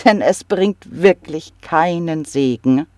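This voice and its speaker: A storyteller voicing a gentle old goblin grandfather who speaks slowly and earnestly. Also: mid-range voice, dry recording, lightly acted.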